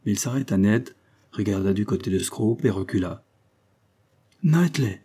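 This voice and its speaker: A man narrates a story in a measured, even manner. His voice is low and husky, with a dark, mellow tone. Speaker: audiobook narrator. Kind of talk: scripted narration.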